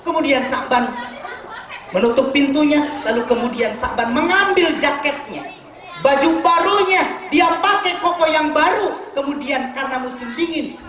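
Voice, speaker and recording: A man, preaching a storytelling sermon at a community gathering, swinging between loud and hushed delivery. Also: very high voice, roomy sound, low-quality recording. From West Java.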